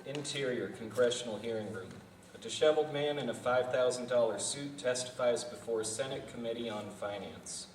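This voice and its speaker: At a live table read in a festival venue room, a man delivers stage directions without fuss, his voice mid-range and his pace normal. The recording picks up room echo and faint noise through a far-off microphone.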